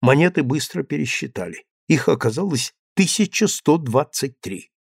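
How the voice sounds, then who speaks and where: A man reading a novel as an audiobook narrator, in measured, deliberate storytelling phrases with a dramatic touch. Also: fairly high pitch, very animated, vocal fry, slightly rough, no echo, studio quality.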